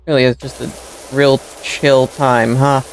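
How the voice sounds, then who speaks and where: A woman's voice: rumbling low, little pitch movement, a little slow, slight background noise, low-quality recording. A woman streaming a game, muttering dry sarcastic remarks and playfully meowing now and then. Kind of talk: casual gameplay commentary.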